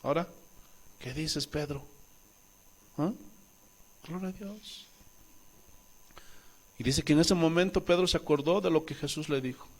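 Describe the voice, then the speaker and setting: A man from Bolivia preaching a sermon as pastor, animated, acting out voices and questioning the congregation. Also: fairly high pitch, measured pace, pauses often.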